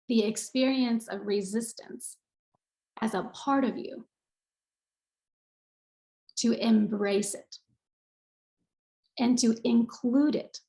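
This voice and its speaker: A woman's voice: a little high, slow, long pauses, mellow, roomy sound, low-quality recording. A woman giving an earnest online talk on yoga, repeating phrases for emphasis like a teacher. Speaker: yoga speaker. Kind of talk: online talk with screen share.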